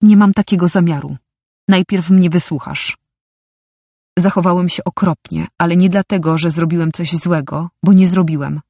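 A woman voicing a tender, persistent young man who speaks calmly and surely, with a husky voice. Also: lowish voice, normal speed, dry recording, clean studio sound. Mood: earnest. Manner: calm and sure.

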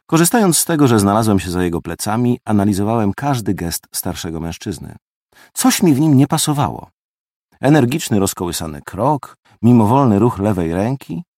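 A male audiobook narrator tells a first-person story with expressive, lively intonation. His voice sits fairly low but moves through a wide pitch range. The recording is dry and close, with no room echo. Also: fairly quick.

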